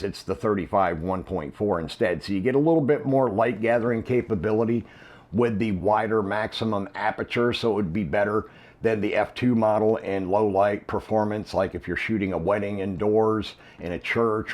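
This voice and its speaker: A man unboxing and reviewing a camera lens, explaining in a relaxed way with frequent ums and uhs. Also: lowish voice.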